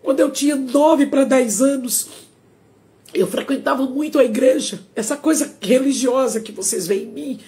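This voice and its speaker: A woman singer from Brazil, with a Sergipe accent and a high, warm voice at a moderate pace, is crying during a confessional live stream. She sounds pleading and emotional, recorded on a phone microphone.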